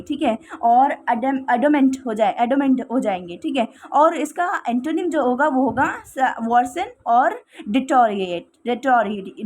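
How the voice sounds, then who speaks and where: Woman, high-pitched, casual teacher, faint background noise. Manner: repeats "ठीक है" constantly, explains slowly with everyday examples. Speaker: English teacher. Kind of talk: casual classroom-style vocabulary lesson.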